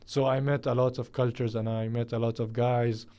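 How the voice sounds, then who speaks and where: A man's voice: mid-range voice, level tone, moderate pace, dark tone, clean tone. A man raised in the UAE chatting casually on a radio show, agreeing and building on his co-host's points with frequent uhs. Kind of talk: casual chat.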